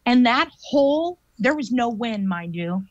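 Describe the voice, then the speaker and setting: A woman, a guest paranormal investigator, telling a story in an animated, chatty way with lots of fillers. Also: a little high, measured pace, no echo. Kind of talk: casual storytelling interview. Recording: dull lo-fi dry audio.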